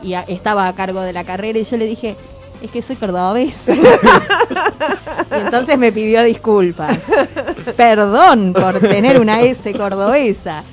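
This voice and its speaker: A woman from Córdoba with an Argentine accent and faint traces of her home region, chatting as a radio guest in a lively, often laughing way. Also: mid-range voice, measured pace. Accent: Argentine Spanish, faint Córdoba traces. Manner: animated, laughs often, reflective. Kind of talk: casual radio chat.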